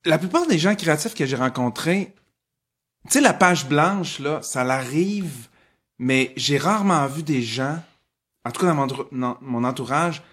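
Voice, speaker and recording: Male guest, lively storyteller, slightly high voice. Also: a little slow, husky. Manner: animated, expressive storyteller. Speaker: guest musician. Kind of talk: casual podcast chat.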